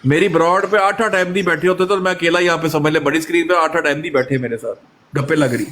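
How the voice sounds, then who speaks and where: A man, chatting in an interview and telling animated stories, often acting out the quoted exchanges. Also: fairly high pitch, fast. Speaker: guest. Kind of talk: casual conversational interview.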